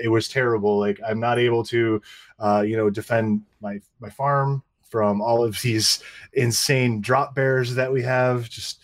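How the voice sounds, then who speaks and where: A man on a casual panel, explaining at length in a steady way and often tagging his points with "right?". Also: on the low side. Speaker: panel co-host.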